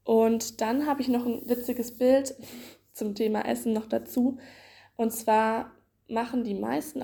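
This podcast host talks kids through swimming drills in a relaxed way, full of fillers and playful imagery. She has a fairly high pitch with a gravelly, dark tone.

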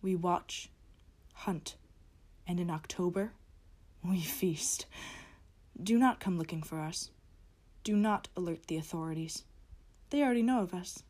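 A woman voicing a cold, menacing creature of the night, with loud threats that drop into hissing whispers. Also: fairly low pitch, unhurried. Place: closet.

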